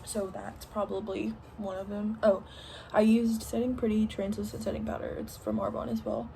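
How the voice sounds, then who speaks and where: A young woman with a Southern country accent answering questions in a relaxed home Q&A, filling pauses with lots of ums and likes. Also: medium pitch, vocal fry, a little hiss or hum. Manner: chatty, many ums and likes. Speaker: vlogger. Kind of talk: casual Q&A while doing makeup. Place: home, indoors.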